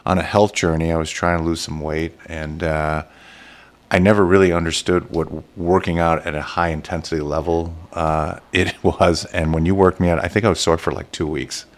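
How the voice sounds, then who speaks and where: Deep-voiced man hosting casual chat. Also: steady tone, moderate pace. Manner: rambling, many fillers and restarts. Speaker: show host. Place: Las Vegas.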